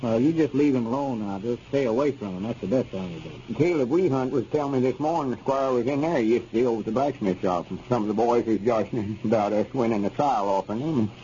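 A man acts out a folksy Southern American storekeeper for a 1930s radio comedy. The voice is dark and soft, with drawling dialect. The recording is dull and slightly noisy. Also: mid-range voice, expressive, fast talker, few pauses, natural voice. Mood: unhurried, mulling. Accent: rural Southern American. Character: folksy rural storekeeper, talkative and self-assured.

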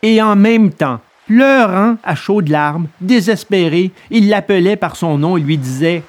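A man narrating a children's tale aloud in a steady, expressive storytelling voice. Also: sits high, measured pace, no room sound. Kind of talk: audiobook reading of a children's tale.

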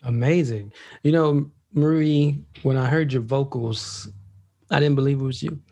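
A man's voice: mid-range voice, a little slow, a little mellow. A man co-hosting a podcast, enthusiastic and joking, hyping up his guests in casual chat. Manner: enthusiastic, joking, hypes others. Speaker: podcast co-host.

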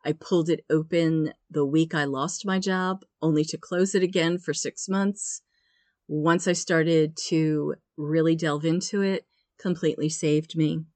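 A woman's voice: low-pitched, fairly even intonation, a little slow, darkish tone, no room sound. A woman hosting a podcast, talking in an earnest, encouraging way. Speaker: podcast host. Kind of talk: motivational podcast talk.

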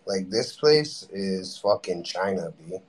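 A man's voice: deep voice, lively intonation, slow, no room sound. A man chatting casually as a guest speaker, using frat bro slang and swearing. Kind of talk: casual chat.

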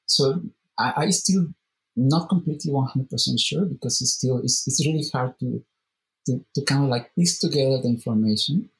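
A man's voice: medium pitch, moderate pace, creaky, low-quality recording. A man who organizes a meetup, answering interview questions in a thoughtful, searching way and often repeating words as he finds his phrasing. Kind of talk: casual interview conversation.

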